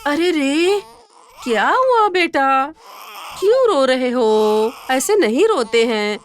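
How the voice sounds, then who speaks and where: A woman's voice: high voice, sing-song, a little fast, fairly bright tone. An actress playing a cruel stepmother who scolds harshly but dotes on her own son. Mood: doting. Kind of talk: Hindi TV serial acting.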